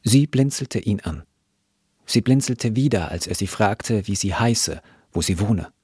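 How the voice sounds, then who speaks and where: A man reading a novel aloud in a calm, measured way. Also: on the low side, breathy edge, no echo, studio quality. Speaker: reader. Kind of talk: scripted literary reading.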